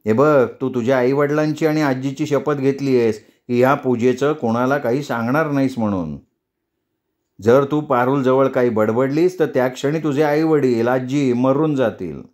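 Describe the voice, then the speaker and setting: Guy reading a story, doing a slow bossy mother-in-law, mid pitch, nagging. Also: a little mellow, close to an everyday voice. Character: older woman, a scheming, scolding mother-in-law.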